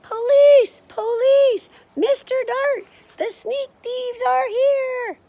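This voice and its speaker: A woman voicing a brave young boy who shouts for the police in a high, frantic voice. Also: fairly even intonation, takes it slowly, exaggerated voice. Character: young boy hero, brave, yelling for help.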